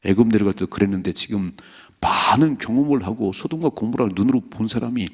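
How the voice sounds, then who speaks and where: 갈라지고 허스키한 낮은 목소리의 남자 목사. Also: male voice, fairly low pitch, quick pace, slightly rough. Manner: emphatic, acts out dialogue in a raised voice. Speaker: pastor. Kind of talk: early morning sermon. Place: church sanctuary.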